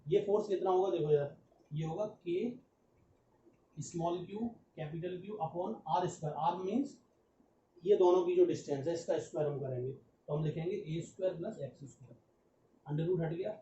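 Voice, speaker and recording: A man's voice: on the high side, normal speed, warm tone. A young adult man teaching a physics lesson step by step, asking his students rhetorical questions and slipping phrases into his Hindi, with on the bits. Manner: mixes English phrases into Hindi. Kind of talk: exam-prep lecture. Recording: echoey, distant, muffled lo-fi audio with faint background noise.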